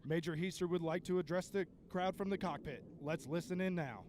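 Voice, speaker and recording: A man's voice: high-pitched, brisk. A man working as an airshow announcer, giving formal, scripted, dramatic commentary with a showman's delivery over aircraft noise. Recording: loud aircraft and outdoor ambience noise.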